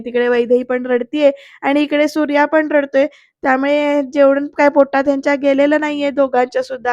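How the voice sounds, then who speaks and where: A woman narrates a voice-over review of a TV soap episode, walking through each scene and talking straight to her viewers. Her voice is high and fairly flat in its pitch. The sound is dry and close to the mic. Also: no echo, dull audio. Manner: retelling scenes with quoted dialogue, addresses viewers. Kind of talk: voice-over retelling of a TV serial.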